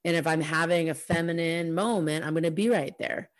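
A woman co-hosting a casual chat, teasing and quick with asides. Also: low-pitched, fairly even intonation. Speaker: podcast co-host.

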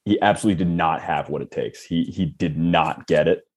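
A man co-hosting a casual chat, animated, laughing often and acting out coworkers' complaints. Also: sits low, a little fast.

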